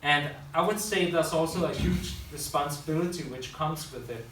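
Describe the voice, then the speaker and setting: Speaking to an audience in a room, this public speaker and school teacher has a slightly high, somewhat bright voice and a moderate pace. His talk is unscripted and loose, full of mid-sentence self-corrections. It was captured from far off in an echoey space with a faint hiss.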